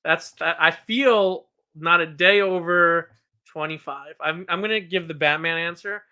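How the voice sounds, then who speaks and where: Bright-voiced rambling man in his thirties. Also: on the high side, a little slow, clean tone. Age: 30s. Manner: rambling, self-deprecating, with frequent restarts and laughs. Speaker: podcast co-host. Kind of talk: casual chat.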